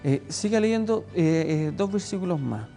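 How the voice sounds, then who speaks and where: A man's voice: high-pitched, lively intonation, moderate pace, dark tone, big-room sound, faint music behind. A man with a Chilean accent preaching a sermon, emphatic and repeating words for stress. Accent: Chilean Spanish.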